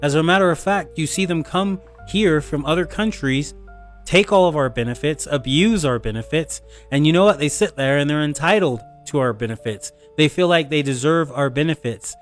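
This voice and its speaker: A man's voice: fairly high pitch, moderate pace, faint music behind. A man giving an impassioned political monologue full of rhetorical questions.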